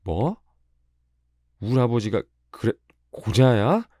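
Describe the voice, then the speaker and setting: A man voicing a hot-tempered teenage farm boy in an audiobook, shouting angrily. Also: medium pitch, sing-song, takes it slowly, no room sound, studio quality, voice pushed up. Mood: indignant. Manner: loud angry shouting.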